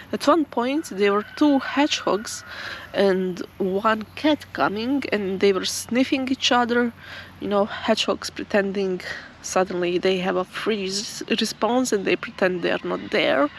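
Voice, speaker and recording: A woman vlogging outdoors in her garden, chatting in a relaxed, rambling and self-deprecating way. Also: medium pitch, a little hiss or hum, poor audio. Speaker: nature vlogger.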